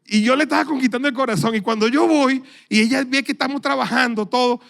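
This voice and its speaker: Venezuelan preacher, middle-aged man, very high pitch, gravelly, animated storyteller who voices his characters. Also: fast. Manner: animated storyteller, acts out dialogue, laughs often. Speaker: pastor. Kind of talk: storytelling sermon.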